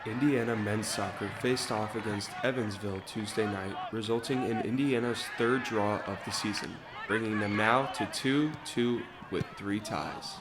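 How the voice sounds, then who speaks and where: A man's voice: on the low side, moderate pace, hardly any pauses, over a noisy crowd, heavy background noise. A young man narrating a scripted sports recap as a field reporter.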